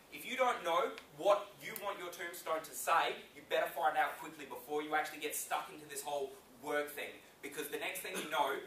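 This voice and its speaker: A young man in his twenties giving an energetic motivational conference talk, constantly checking in with the crowd with "okay?" and "yeah?". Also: a little high, a little hiss or hum. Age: 20s. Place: conference room before an audience. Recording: echoey room, mic at a distance.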